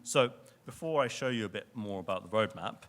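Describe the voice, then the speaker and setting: A man's voice: lowish voice, animated, fairly quick, fairly bright tone. A young man giving a conference presentation to an audience in a lecture venue, speaking earnestly and often restarting or repeating words.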